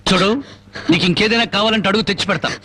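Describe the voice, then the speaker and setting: An actor playing a fiery, defiant man who thunders speeches and makes comically gruff threats in a film scene. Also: high voice, racing, close to an everyday voice. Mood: comic bluster. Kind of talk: Telugu film dialogue. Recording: film soundtrack with loud music.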